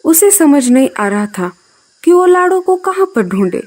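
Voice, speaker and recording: Expressive woman storyteller, lively voice. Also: high voice, a little slow. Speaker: narrator. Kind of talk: scripted storybook narration.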